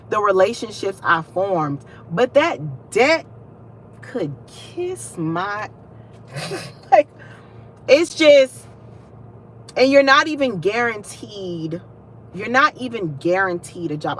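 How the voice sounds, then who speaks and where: A woman's voice: mid-range voice, a bit bright, a little hiss or hum. A young woman, hosting a casual livestream, chatting and venting directly to her viewers. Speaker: livestream host.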